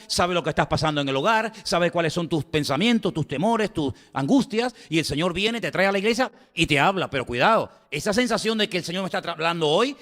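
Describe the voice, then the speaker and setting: A man preaching a sermon with a Spanish accent from Spain. His voice sits a little on the high side and trails a long echo through the church hall. He leans hard on repetition and keeps asking his listeners rhetorical questions. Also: fairly bright tone. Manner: emphatic, repeats phrases, asks the congregation rhetorical questions. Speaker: pastor.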